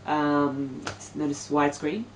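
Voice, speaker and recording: A woman's voice: deep voice, flat delivery, a little slow, a little hiss or hum. A young woman from Australia chatting to her camera at home, hesitant and full of ums. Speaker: vlogger. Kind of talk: casual chat to camera. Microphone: camera mic. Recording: echoey room, mic at a distance.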